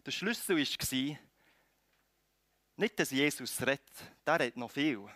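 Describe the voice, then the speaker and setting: A man with a Swiss German accent preaching a sermon, swinging between loud calls and quiet, close lines. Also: medium pitch, lively intonation, measured pace, no room sound. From Switzerland.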